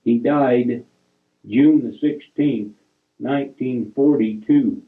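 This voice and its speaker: An older man, the family storyteller, goes through old family photos slowly and plodding, pausing between names and dates, reading dates piece by piece and correcting his own slips. His voice is at an ordinary middle pitch. The recording sounds tinny, thin and boxy, like a phone line.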